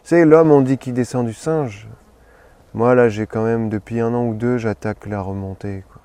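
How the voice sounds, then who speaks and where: A man in his thirties in a comedy sketch interview, playing a self-important actor in a deadpan manner. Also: mid-range voice, moderate pace, no echo. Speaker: comic actor persona being interviewed.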